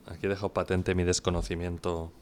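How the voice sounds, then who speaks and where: A man in his thirties with an accent from Spain, chatting casually as a podcast co-host in a hoarse, gravelly voice. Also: low voice, flat delivery, fast, a little mellow, slight background noise. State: hoarse from coughing. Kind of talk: casual chat.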